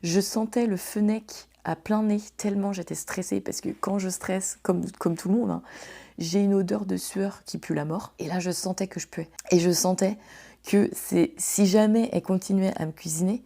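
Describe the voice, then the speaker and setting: A woman hosting a casual storytelling podcast, slangy, swearing and animated as she talks to her listeners. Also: medium pitch, normal speed, gravelly. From France. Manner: slangy and swearing, addresses listeners as "les gars". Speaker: podcast host.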